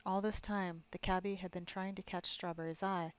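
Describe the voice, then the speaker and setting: A woman reading a novel aloud on a live stream, in a measured, expressive storybook style. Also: lowish voice, clear, resonant tone, muffled recording.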